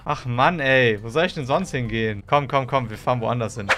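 A man giving excited commentary while playing a police officer in a role-play game, often bursting out in loud surprise. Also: mid-range voice, moderate pace, background noise. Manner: exclamatory, swings into loud surprised outbursts.

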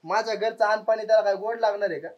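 A woman's voice: mid-range voice, steady tone, racing, lo-fi sound. A woman in a comedy sketch who talks emphatically and pleads with a friend.

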